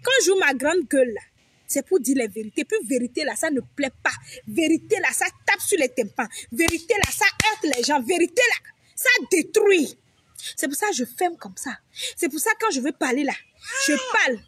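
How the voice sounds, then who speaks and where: Young woman vlogger, high-pitched, preachy and foul-mouthed, lecturing her audience. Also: lively intonation, moderate pace, no room sound. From Togo. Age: young adult. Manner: emphatic, repetitive, preachy; blunt, swears freely. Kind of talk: direct-to-camera advice monologue.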